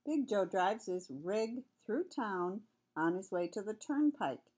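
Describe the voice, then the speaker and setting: A woman's voice: medium pitch, expressive, slow, darkish tone, highs cut off, slight background noise. An older woman, a sweet grandmother with a cold, reading a children's picture book aloud in a homely, chatty way. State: has a cold with cough.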